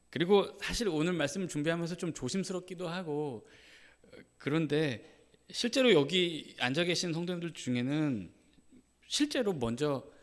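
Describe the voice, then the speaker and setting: A male pastor preaching a sermon in a conversational way, often adding a short "yes" and acting out the lines he quotes. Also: a little high. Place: church sanctuary. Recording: reverberant church sanctuary.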